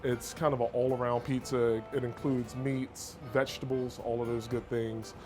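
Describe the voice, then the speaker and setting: Man, pizza maker, matter-of-fact, mid pitch, clear music playing behind. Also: level tone, normal speed. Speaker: pizza restaurant staff. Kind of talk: interview and cooking demonstration.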